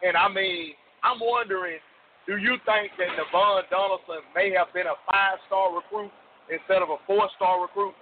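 Radio call-in caller heard over the phone: earnest man, lightly raised pitch, thin phone-line sound. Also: fairly even intonation, moderate pace, slight background noise. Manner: earnest, keeps asking the host's opinion. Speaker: caller to a sports radio show. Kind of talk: casual call-in chat. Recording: tinny phone line, dry.

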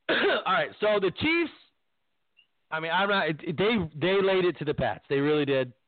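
A man hosting a casual sports chat, animated and ranting, laughing often. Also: high-pitched, measured pace, no echo. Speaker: podcast host. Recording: tinny phone-like line.

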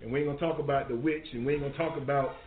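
A man teaching a live-streamed Bible study, reading verses aloud and retelling scripture in an animated, preachy way. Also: medium pitch, rapid-fire, a little hiss or hum. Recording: echoey, phone-like stream audio.

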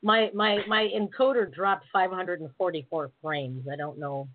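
A woman's voice: lowish voice, fairly even intonation. A woman host heard over a badly breaking-up connection, her sentences stalling and trailing off. The sound is thin and phone-like, with a strong hiss underneath. Words drop out as the stream glitches. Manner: halting, trailing off mid-sentence. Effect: bad connection, audio breaking up and dropping out. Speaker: host of a live online show. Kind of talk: casual chat. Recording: tinny, noisy, glitchy online stream audio.

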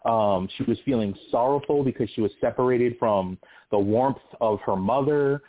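A man's voice: medium pitch, moderate pace. Guy calling in over the phone from california, tinny lo-fi line, earnest, kinda explaining stuff. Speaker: radio show caller. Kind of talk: call-in radio discussion.

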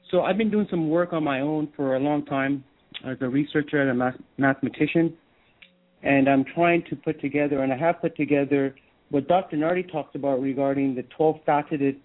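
Radio call-in caller: Canadian man, a bit high-pitched, halting and repetitive, thin phone-quality audio. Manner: hesitant, restarts with repeated words. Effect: phone-line caller audio. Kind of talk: telling a personal story on a call-in show. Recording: tinny phone-like line.

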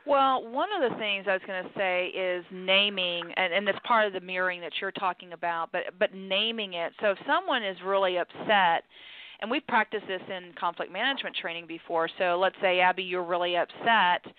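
A woman's voice: lowish voice, a little fast. A woman hosting a talk radio show, giving conflict coaching advice in a friendly, chatty way with frequent restarts. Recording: phone-like dry lo-fi sound.

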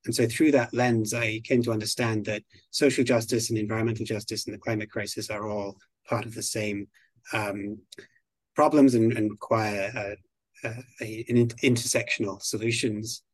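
A man from the United Kingdom being interviewed as a guest on a podcast, speaking in a measured, articulate way. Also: lowish voice, little pitch movement, slightly rough, no room sound. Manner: measured, articulate, slow and deliberate. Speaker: guest expert on biodiversity.

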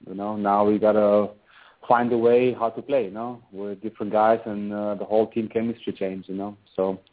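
A man from Albania, a professional volleyball player, chatting as a guest on a phone call, rambling and saying "you know" constantly. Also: on the low side. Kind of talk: casual phone interview. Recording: tinny phone line.

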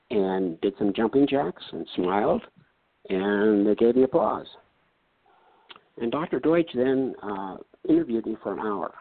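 A retired doctor from North Dakota, a man in his seventies with a fairly low voice, tells a personal story in a folksy, earnest, casual way, acting out what people said to him. The recording sounds tinny and phone-like, dry with no echo.

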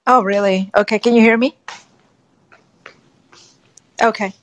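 A woman hosting a casual online talk, heard over a call that keeps breaking up and dropping out. She talks at an average pitch for a woman. She rambles and repeats herself as she speaks. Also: steady tone, a little slow. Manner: rambling, repeats words often. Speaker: show host. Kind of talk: casual chat on a social audio app. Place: at home.

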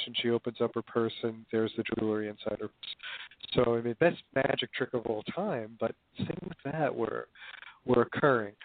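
Over a crackly, static-filled phone line, a man with a medium-pitched voice is a guest on a radio interview. His speech is hesitant, packed with fillers and false starts.

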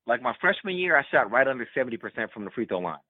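A man guesting on a podcast, telling a story from his playing days with animated energy and repeated words for emphasis. His voice comes through a narrow, phone-like line with no room sound. He sits in the middle pitch range for a man. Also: racing, husky, no echo. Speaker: podcast guest, former college basketball player. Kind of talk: candid storytelling in a podcast interview. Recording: tinny remote call line, dry.

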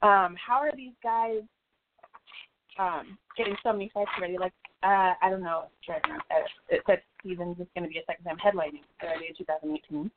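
A woman's voice: lowish voice, steady tone, brisk, noisy background. A woman co-hosting a casual fight-sports talk show, laughing often and talking loosely with fillers and swearing. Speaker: podcast co-host. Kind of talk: casual chat. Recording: tinny phone-like audio.

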